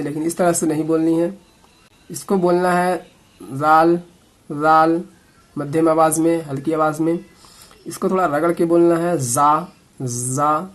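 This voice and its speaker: Slow, patient Quran reading teacher, male. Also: a little high. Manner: patient, repeats each letter slowly and demonstrates sounds. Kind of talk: slow step-by-step lesson.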